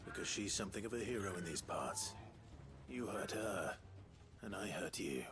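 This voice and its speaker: An actor playing a stern young swordsman hero in a video game, speaking in a dry, measured and calm way. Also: low-pitched. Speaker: game character. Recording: game audio with loud music.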